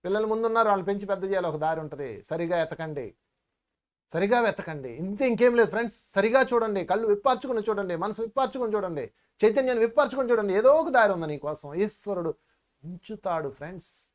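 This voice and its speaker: Animated male meditation teacher. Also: high-pitched, fast. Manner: storytelling, animated, addresses listeners as friends. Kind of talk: spiritual discourse to viewers.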